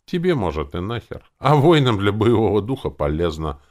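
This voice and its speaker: A man's voice: on the low side, very animated, normal speed, a little mellow, voice pushed up. A man voicing a cheeky, laid-back male army captain in an audiobook. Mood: teasing. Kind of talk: audiobook character voice.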